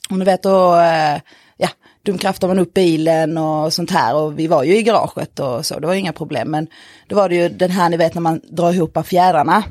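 A woman telling a story in a casual podcast chat, animated, with lots of fillers and the odd swear word. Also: lowish voice, dry recording, clean studio sound.

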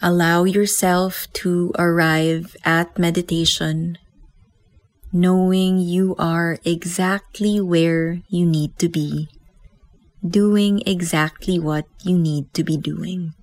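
A woman with a Filipino accent leading a guided meditation as a teacher, speaking in a calm, gentle way with unhurried pauses. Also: on the low side, no echo.

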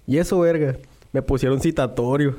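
A man's voice: medium pitch, a little fast, mellow. A young man with a northwestern Mexican accent, co-hosting a podcast in casual banter and swearing freely with lots of slang. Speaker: podcast co-host.

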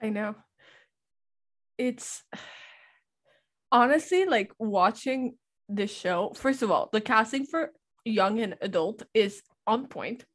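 A woman with a French Canadian accent chatting casually as a podcast co-host, animated and swearing freely. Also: fairly high pitch, takes it slowly, long pauses. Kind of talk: casual chat.

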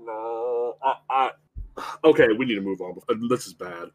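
A man in easy podcast conversation, his voice sitting at an ordinary middle pitch. He rambles and circles back, leaning on fillers and restarting his sentences as he thinks aloud. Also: brisk. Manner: rambling, many fillers and restarts, animated asides. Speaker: podcast co-host. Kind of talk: casual chat.

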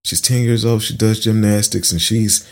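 A middle-aged man hosting a podcast, reflecting earnestly in a thoughtful, halting way, with fillers and restarts. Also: fairly low pitch, steady tone, a little mellow. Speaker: podcast host. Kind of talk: reflective personal monologue.

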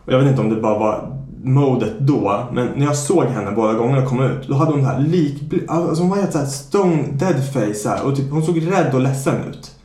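A man's voice: mid-range voice, few pauses, mellow. A man hosting a podcast, telling a long personal story in casual chat, swearing freely and acting out what people said. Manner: swears freely, tells the story with many quoted asides. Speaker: podcast host. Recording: roomy echo.

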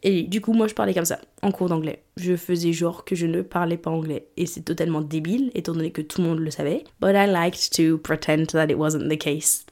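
A woman's voice: lowish voice, steady tone, fairly quick, few pauses, darkish tone. A woman in her twenties from England, talking candidly in a personal monologue and switching between French and English mid-sentence. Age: 20s. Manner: candid, conversational. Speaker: vlogger.

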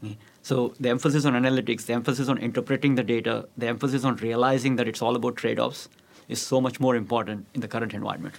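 A man's voice: mid-range voice, fairly even intonation, fast, vocal fry. A man speaking as a panelist, emphatic and often checking in with "okay". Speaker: panelist on travel industry. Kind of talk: panel discussion.

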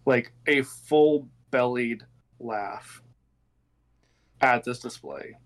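A man's voice: mid-range voice, extremely slow. A man narrating a tabletop role-playing game as game master, talking casually with players.

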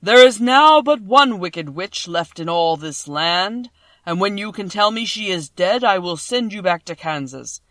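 A woman voicing a giant disembodied wizard head, loud, slow and commanding. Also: mid-range voice, lively intonation, no echo.

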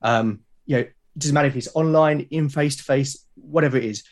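With a medium-pitched voice and a brisk pace, a man from Britain chats as a guest on a podcast. He's casual yet earnest, and his manner is encouraging.

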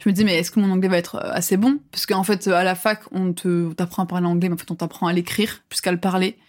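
A woman's voice: fairly low pitch, level tone, fast talker, a little mellow. A woman in her twenties, a podcast guest, talking casually with many fillers and frequent laughs. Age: 20s. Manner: chatty, lots of fillers, laughs often. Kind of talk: casual chat.

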